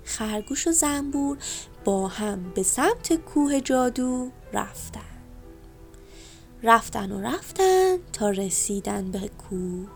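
A woman with a high, light voice narrates a bedtime story for children. She speaks gently and turns to the little listeners with questions. Soft music plays faintly behind her. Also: sing-song, creaky. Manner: gentle, addresses children directly.

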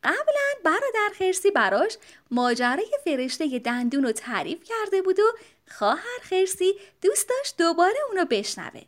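An expressive, high-voiced woman reading a children's storybook aloud. Her pitch moves a lot, keeping the narration gently animated. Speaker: audiobook narrator.

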